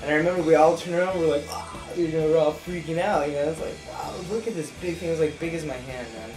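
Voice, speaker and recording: A man, a band member, telling a story in a laid-back, slangy, animated way during an interview. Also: fairly high pitch, fast, echoey room, soft background music, rough recording.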